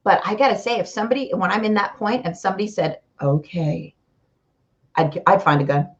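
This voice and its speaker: A woman hosting a casual chat show, talking in an animated, chatty way. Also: mid-range voice, quick pace. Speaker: podcast host. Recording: dull lo-fi audio.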